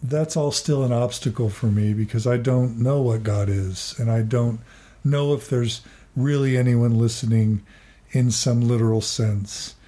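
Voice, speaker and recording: A man in his forties, a therapist and podcaster, speaking earnestly and haltingly in a reflective interview, often restarting and repeating words. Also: mid-range voice, dark tone.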